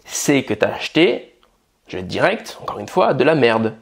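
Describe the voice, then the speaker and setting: A man's voice: mid-range voice, big pitch swings, normal speed, gravelly, slightly rough. A man from France giving casual, blunt style and dating advice straight to the camera, swearing freely and calling the viewer buddy.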